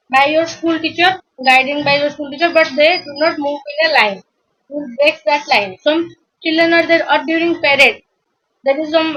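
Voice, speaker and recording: A woman's voice: high-pitched, sharp tone, low-quality recording. A woman teacher from India, explaining an English lesson to pupils, repeating herself and quizzing the class. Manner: repetitive, questioning the class, acts out pupils' excuses.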